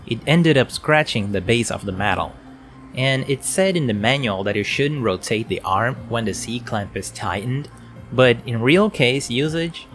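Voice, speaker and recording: A man's voice: mid-range voice, a bit bright. Man reviewing microphones at his desk. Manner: plain, explanatory delivery. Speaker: tech reviewer. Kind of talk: product review voice-over. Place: home work desk. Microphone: desk mic on an arm.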